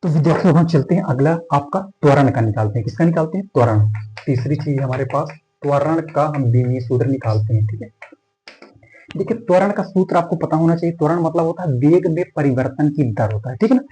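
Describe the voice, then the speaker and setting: A man's voice: on the high side, animated, fairly quick, mellow, faint music behind, low-quality recording. A male physics teacher lecturing at a board, asking and answering his own questions and starting nearly every sentence with "okay". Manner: filler "theek hai" starting most sentences.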